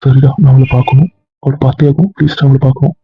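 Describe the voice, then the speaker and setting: ஒரு ஆண் நடிகர், அவளைப் பார்க்க வேண்டும் என்று திரும்பத் திரும்பக் கெஞ்சும் பதற்றமான இளைஞனாக நடிக்கிறார். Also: male voice, medium pitch, little pitch movement, fast, husky, dry recording. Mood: pleading. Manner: pleading, repeats please. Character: anxious young man begging to see her. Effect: heard over a video call. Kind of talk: web serial acting. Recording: tinny phone-like lo-fi sound.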